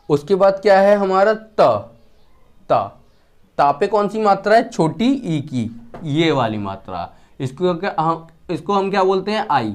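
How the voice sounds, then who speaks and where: Male teacher with a slightly high voice, drills the students with question-and-answer repetition. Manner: asks questions and answers them himself; repeats key words slowly, dropping his pitch. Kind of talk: classroom-style lesson.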